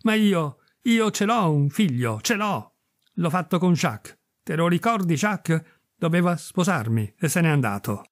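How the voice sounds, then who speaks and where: A man's voice: a little high, expressive, moderate pace, darkish tone, no room sound, studio quality. A man voicing a desperate peasant wife who speaks through tears, defiant and pleading. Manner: tearful, pleading.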